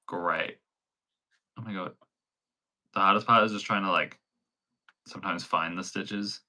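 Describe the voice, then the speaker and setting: A man's voice: deep voice, steady tone, takes it slowly, long pauses, sharp tone. A young man with a New Zealand accent, hosting a casual crochet livestream in a chatty, giggly way, full of likes and ums. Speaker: crochet pattern designer and livestream host.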